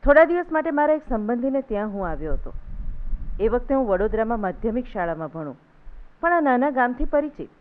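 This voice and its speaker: A woman reciting a literary essay in a steady, measured reading voice at a literary event. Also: on the high side. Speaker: essay reader. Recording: thin phone-like sound.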